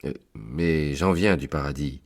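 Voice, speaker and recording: Man doing a worried old country priest, pleading, gravelly, slow between outbursts, audiobook tale. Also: a bass voice, full character voice. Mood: dismayed. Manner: pleading, exclaiming. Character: anxious old village priest pleading for his flock.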